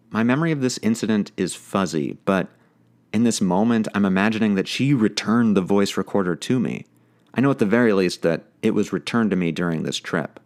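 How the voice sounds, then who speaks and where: A man narrating his podcast in a reflective, personal, plainspoken way. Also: on the low side. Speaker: podcast host.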